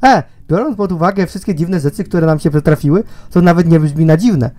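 Mellow young man reading a game. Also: on the high side, fairly quick. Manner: reads dialogue aloud, laughs and swears between lines. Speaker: gamer reading a game aloud. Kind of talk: let's play reading with commentary.

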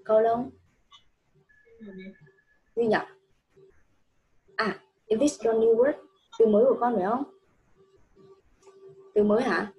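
Patient woman teacher, higher voice. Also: fairly even intonation, slow pace, pauses often, dull audio. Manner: patient, coaxing, repeats answers back. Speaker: English teacher. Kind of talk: one-on-one children's English lesson.

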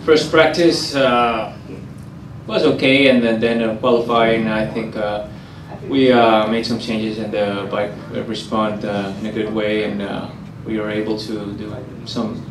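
A young man, a racer, speaking slowly with many fillers before a race in a garage. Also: on the low side, flat delivery. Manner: slow, halting, with frequent fillers. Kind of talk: pre-race interview. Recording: roomy, distant, noisy garage.

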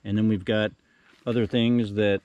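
A man's voice: lowish voice, flat delivery, moderate pace, a little mellow, muffled recording. Rambling man showing off storage finds outdoors. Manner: rambling, folksy, lots of fillers. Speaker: storage unit reseller. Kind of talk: casual filmed walkthrough. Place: outdoors in a yard. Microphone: handheld camera, first-person view.

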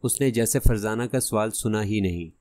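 A man reading a detective novel aloud as an audiobook narrator, steady and measured. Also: on the low side, dry recording.

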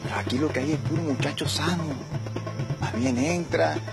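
An actor playing a sly middle-aged family patriarch who coaxes and dodges, in a telenovela scene with music underneath. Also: male voice, on the high side, moderate pace. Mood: coaxing. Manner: smooth-talking, coaxing, evasive. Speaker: father. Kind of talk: telenovela acting.

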